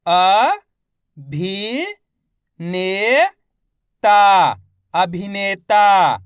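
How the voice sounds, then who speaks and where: A man teaching Hindi reading, spelling words out syllable by syllable, slow and stretched, encouraging his viewers. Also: high-pitched, fairly bright tone, smooth, no echo, clean studio sound. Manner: encouraging, addresses viewers as friends.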